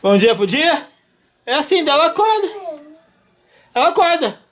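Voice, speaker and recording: A woman hosting a casual home vlog, playful and loudly calling out repeated wake-up cries. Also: sits high, sing-song, moderate pace. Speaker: vlogger host.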